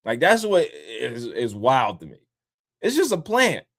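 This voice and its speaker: A man who was born in upstate New York and raised in the DC area, hosting a casual livestream talk. He is loose and profane, and he mocks other people in high squealing voices. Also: wildly swooping pitch, measured pace, a bit bright. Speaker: livestream host. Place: home in Columbus, Ohio.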